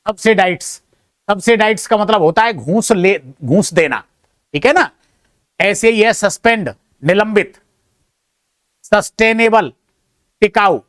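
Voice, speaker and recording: A man's voice: sits high, a bit bright, no room sound, studio quality. A male teacher working through an exam answer key, reading each question aloud and checking the options one by one, with chatty, self-deprecating asides to his students.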